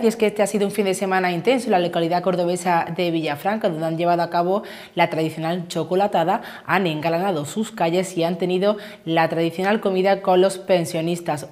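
Woman anchor, lowish voice, reads the news steady and even in a studio. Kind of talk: scripted news presenting. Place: television studio.

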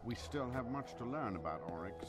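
A man voicing a steady commander. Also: medium pitch, brisk, faint music behind, close to an everyday voice. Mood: serious.

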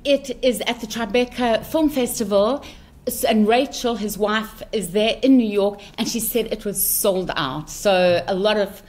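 A woman's voice: medium pitch, measured pace. A South African woman co-hosting a casual podcast, talking in a gushing, emotional way and near tears. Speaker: podcast co-host. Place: home in France, remote call.

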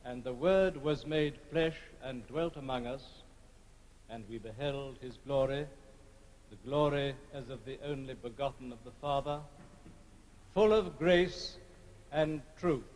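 A man reading scripture aloud in a measured, solemn way, heard in a cathedral echo. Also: medium pitch, a little mellow. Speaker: scripture reader. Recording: long reverb of a large church.

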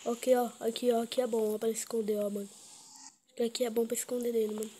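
A Brazilian woman chats casually while playing a game. Her voice sits fairly high. She talks as a gaming YouTuber, over a clearly noisy mobile recording. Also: little pitch movement, fast talker, warm tone. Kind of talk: casual gameplay commentary.

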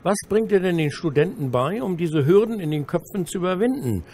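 A man moderating a panel discussion on a trade fair stage, asking questions and cutting in with quick, teasing remarks. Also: sits high, expressive, darkish tone. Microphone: handheld mic.

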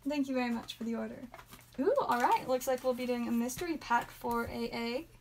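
A young woman with a high voice talks casually to her live stream audience from a small room at home. She is chatty and upbeat, reading out each card as she pulls it, with sudden excited bursts. A faint hiss sits behind her voice. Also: fairly quick. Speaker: live stream host opening card packs.

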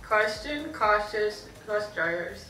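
A woman's voice: mid-range voice, expressive, slow pace, bright, forceful tone. A woman in her twenties playing a word game with her lips held stretched open, slurring her consonants. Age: 20s. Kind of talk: party word-guessing game. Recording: roomy, distant mic, music behind.

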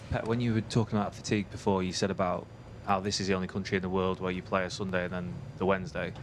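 A man's voice: low-pitched, flat delivery, quick pace, very noisy. A male reporter asking short probing questions at a press conference.

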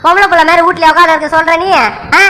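A woman's voice: very high voice, level tone, racing, pushed and bright. A woman voicing a brash, idle young village man who argues and whines as he demands to be let into the house. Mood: pleading. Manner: whiny, demanding, argumentative. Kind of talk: cartoon voice acting.

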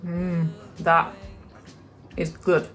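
A woman's voice: on the low side, monotone, drawn-out words, a bit bright, soft background music. Chatty British woman vlogging her day. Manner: chatty, talking to camera while going about her day. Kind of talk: casual vlog chat.

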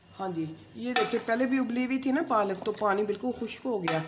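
A middle-aged woman with a fairly high voice talks while she cooks, homely and affirming, often agreeing along. Frying and stirring sound loudly in the home kitchen around her. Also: animated, brisk, noisy background. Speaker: home cook, host's mother. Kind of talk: casual cooking chat. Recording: home kitchen with clear sizzling. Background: frying and stirring in a pot.

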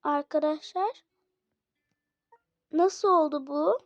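Woman, high voice, casual game commentary for viewers, chatty and excitable, slightly unwell, dry dull lo-fi mic. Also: takes it slowly, no room sound, faint music behind. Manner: chatty, addresses viewers often, excitable exclamations. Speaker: gaming channel host.

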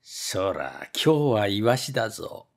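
A man voicing a gruff, suspicious male servant who grumbles in a lower, rougher voice. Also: sing-song, slow, full character voice. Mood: grumbling.

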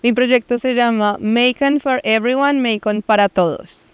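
A Colombian woman in her thirties, a project founder, gives an earnest on-camera interview into a handheld mic in an outdoor downtown plaza, using frequent fillers. She speaks Colombian-accented Spanish in a fairly high, smooth, steady voice, a little slowly, and the recording is dry.

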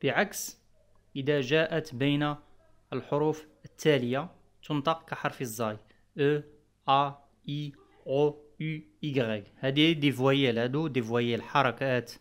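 A man's voice: medium pitch, normal speed, clean tone. A man teaching French letter sounds in Arabic, patiently repeating each example word. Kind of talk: explaining pronunciation rules.

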